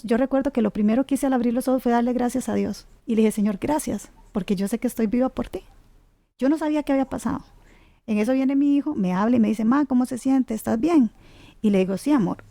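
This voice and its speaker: A woman's voice: on the high side, creaky, mellow, no echo. A middle-aged woman gives an earnest, devout personal testimony, with restarts and tag questions. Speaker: guest sharing a grief story.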